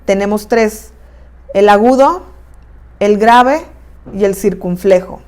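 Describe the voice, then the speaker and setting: A woman with a Mexican accent narrating a recorded online lesson, explaining terms step by step at a steady pace. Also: mid-range voice, slow pace. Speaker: teacher.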